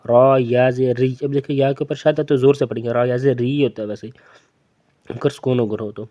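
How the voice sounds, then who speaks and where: A man's voice: mid-range voice, warm tone. A man with a Pakistani Urdu accent teaching Quran reading, patiently spelling out letters and drilling each word again and again. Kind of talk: slow letter-by-letter recitation lesson.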